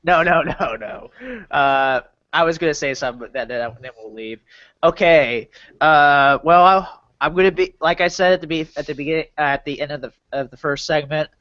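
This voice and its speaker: Higher-voiced man hosting, dull lo-fi audio. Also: moderate pace, a bit bright. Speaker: podcast host. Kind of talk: casual podcast chat.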